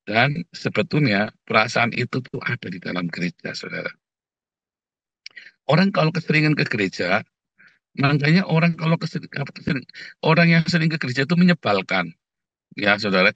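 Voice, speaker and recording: A man preaching with a bright, forceful voice in a dry, close sound that is a little dull and lo-fi. He talks to his listeners casually and acts out the prayers he quotes. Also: on the high side, no room sound. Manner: conversational, often addresses listeners as "Saudara", acts out quoted prayers. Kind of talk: sermon.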